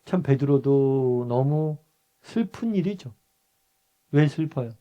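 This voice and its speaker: Korean pastor teaching a Bible study. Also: male voice, mid-range voice, animated, slow pace, warm tone, dull audio. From Busan, South Korea. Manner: conversational, asks the group questions and answers them himself; acts out short quoted lines in a raised voice.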